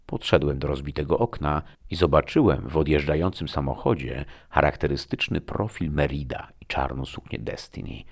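A man narrating a first-person story in a gruff, expressive way. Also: extremely low pitch, normal speed, hardly any pauses. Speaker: audiobook narrator.

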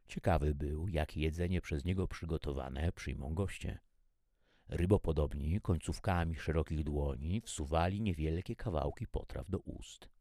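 A man narrating a story in an expressive, animated reading style. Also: a bass voice, gravelly, no echo, studio quality.

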